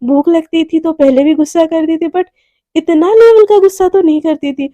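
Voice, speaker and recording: A woman's voice: very high voice, moderate pace, mellow, no echo. A woman telling a story in a chatty, conversational way, recorded on a close mic. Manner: chatty, conversational, uses fillers like "ना". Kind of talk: casual spoken storytelling.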